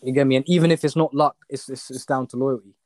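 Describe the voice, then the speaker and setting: A man's voice: medium pitch, steady tone, fast talker, a little mellow, no echo, clean studio sound. A young man with a London roadman accent chatting casually and telling personal stories in slangy street talk full of tag questions. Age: young adult. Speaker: podcast guest.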